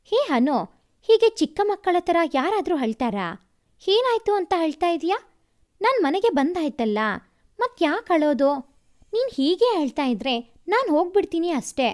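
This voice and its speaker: A woman's voice: very high voice, big pitch swings, normal speed, a little mellow, voice pushed up. A woman voicing a young, affectionate husband who teases and reassures his wife in a spoken story. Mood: gently teasing. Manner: playful, reassuring.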